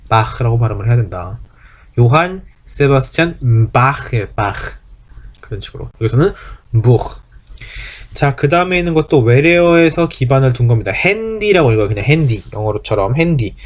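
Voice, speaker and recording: A man teaching a beginner language class, asking questions and answering them himself. He says each sound again and again, stretching words out slowly to show them. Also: medium pitch. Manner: repeats each pronunciation several times; drawls words slowly when demonstrating them. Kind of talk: recorded beginner language lecture.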